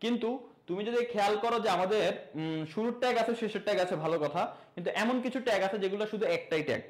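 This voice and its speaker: A young male teacher talks through a coding lesson over a screen share. His voice sits high and the words come quickly. He keeps it casual, joking and teasing his students along the way. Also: poor audio.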